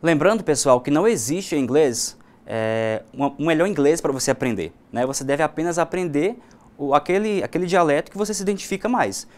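A man with a Brazilian Portuguese accent teaching a recorded online English class, explaining each point and saying example words slowly. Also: a little high, lively intonation.

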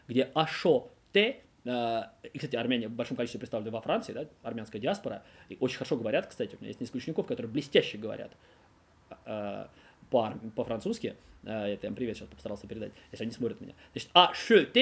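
Fast-talking animated male French teacher. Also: medium pitch, creaky. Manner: animated and digressive, many filler sounds and restarts. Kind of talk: video grammar lesson.

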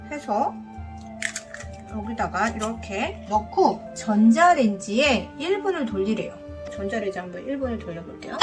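Chatty lady doing a cooking vlog, highish voice, music going behind her. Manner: polite, chatty, addresses viewers directly. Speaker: cooking vlogger. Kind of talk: casual step-by-step cooking narration.

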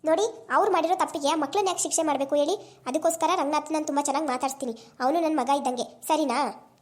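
In an amateur village family drama, a woman with a high voice plays a fiery, protective mother who is quick to anger. Talking fast and lightly acted, she scolds her husband in an exasperated way.

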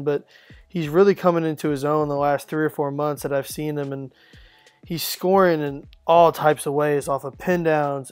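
A man giving a measured, analytical assessment of a high school basketball player in an interview. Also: smooth, no echo. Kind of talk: interview commentary.

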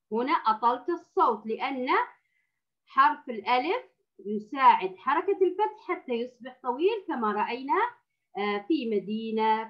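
A woman with a high voice teaches a reading lesson to young girls, drawing out each sound and repeating it patiently. The recording is dull and lo-fi. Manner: stretches sounds and words slowly for young pupils; addresses the class as girls, with patient repetition. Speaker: primary school teacher.

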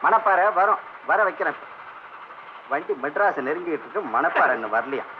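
An actor playing a stern railway ticket inspector who speaks in a brusque, official way, on a dull old film soundtrack with hiss. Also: male voice, a little high, lively intonation, a little fast, natural voice.

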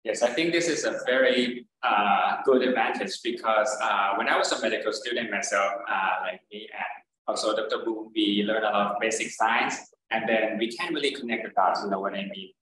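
A man's voice: fairly low pitch, moderate pace, heavy reverb, background noise. A man, an attending doctor, co-presenting an online information session with many hesitant fillers.

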